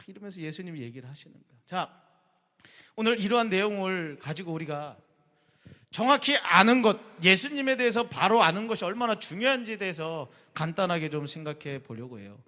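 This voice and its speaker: Youth pastor, male, chatty and quizzing the kids by name; sharp, bright tone, reverberant sanctuary. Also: sits high. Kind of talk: casual youth sermon. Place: church sanctuary. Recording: long reverb of a church hall.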